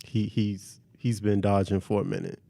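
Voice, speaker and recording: A man's voice: on the low side, flat delivery, normal speed, mellow, dry recording. A man hosting a podcast, chatting casually with friends. His talk is playful and slangy, with a hammy storytelling streak. The sound is dry and close, with no room around it. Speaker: podcast host. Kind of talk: casual chat.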